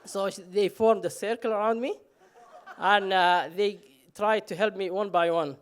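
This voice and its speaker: A man tells his own story on stage in a fairly high voice. He jokes at himself and often stops on "uh". The talk stays loose and unscripted. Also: fairly even intonation, normal speed, noisy background. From Somalia. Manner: humorous, self-mocking, frequent "uh" fillers. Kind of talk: live personal storytelling on stage.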